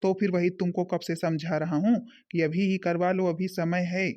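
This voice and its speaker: A man's voice: high-pitched, flat delivery, normal speed, a little mellow, natural voice. A man voicing a scheming, greedy husband in a cartoon family drama, coaxing and nagging his wife, with a dull lo-fi sound. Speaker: scheming son-in-law.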